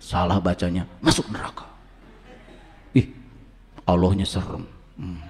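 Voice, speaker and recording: A male preacher giving a humorous sermon, joking and quizzing his audience with questions. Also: unhurried. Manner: lively, rising to high emphatic pitch. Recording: long hall reverb.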